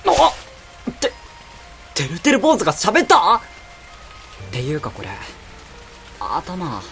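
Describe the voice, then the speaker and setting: An actor playing a bewildered, despondent young man in a drama, informal and halting. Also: medium pitch, wildly swooping pitch, music in the background, heavily acted. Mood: flustered.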